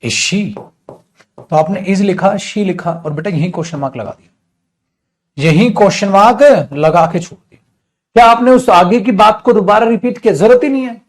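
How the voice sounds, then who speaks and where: In a high voice, a man teaches a live class online, speaking with energy and answering his own questions. He addresses students as "beta" and slows his speech when spelling out English example sentences.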